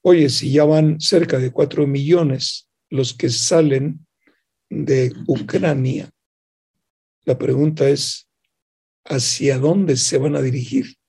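A man's voice: medium pitch, takes it slowly, creaky, warm tone, breathy edge. A man hosts a reflective radio talk, retelling a news story and voicing both sides of its dialogue. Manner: asks rhetorical questions of the listener. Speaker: radio program host.

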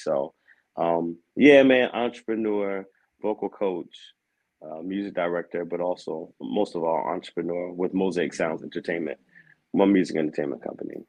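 A man in his thirties from Aberdeen, Maryland, who works as a vocal coach and assistant pastor, chats as a podcast guest. He's easygoing, laughs often, and says "man" a lot; his voice is deep and darkish, and the audio is poor.

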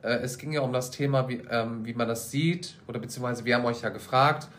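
A man's voice: medium pitch, steady tone, fast, a bit bright. A young man co-hosting a podcast, crude, joking and teasing in casual chat. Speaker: podcast co-host.

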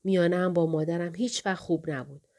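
A woman narrates a novel in the first person with a calm, measured delivery. Her voice is slightly low and warm, never bright. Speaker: audiobook narrator.

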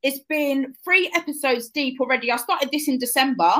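A woman's voice: sits high, normal speed, bright, forceful tone. A woman in her thirties with a London accent, hosting a casual interview and chatting in an encouraging, friendly way. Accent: London English. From England. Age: 30s. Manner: chatty, encouraging, calls guest hun. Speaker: host.

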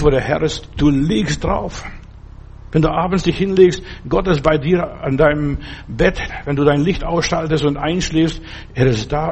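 A man's voice: on the high side, darkish tone, slight background noise. A man preaching a sermon with emphatic delivery, repeating phrases and restarting sentences as he goes.

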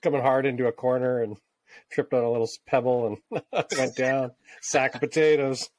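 A laid-back man in casual conversation, laughing through his stories and swearing easily. His voice sits at an ordinary middle pitch. The sound is dry and close, with no room around it. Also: steady tone, normal speed, darkish tone, no room sound. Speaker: podcast co-host, tattoo artist. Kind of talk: casual chat.

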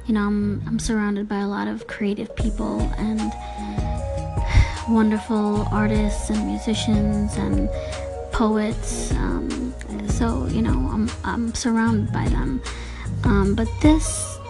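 A woman speaking in a reflective, casual monologue, halting and searching for her words as she hosts a personal vlog. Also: mid-range voice, level tone, creaky, over music. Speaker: host of a personal audio vlog.

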